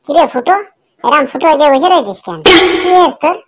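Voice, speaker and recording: A woman's voice: high-pitched, expressive, fast, pitched above the performer's own voice. A woman voicing a nosy, prying village friend in a cartoon. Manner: prying, questioning. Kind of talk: cartoon voice acting.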